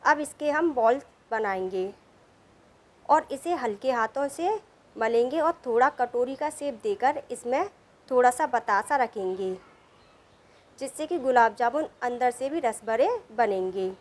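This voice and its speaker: High-voiced woman narrating a recipe. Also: a little slow. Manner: calm, steady instructional narration. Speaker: cooking channel host. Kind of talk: step-by-step recipe voice-over.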